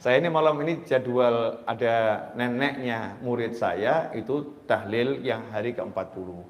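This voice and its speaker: A man preaching a sermon, moving from loud emphatic calls to quiet playful asides. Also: medium pitch, measured pace. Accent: Indonesian. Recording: echoey hall.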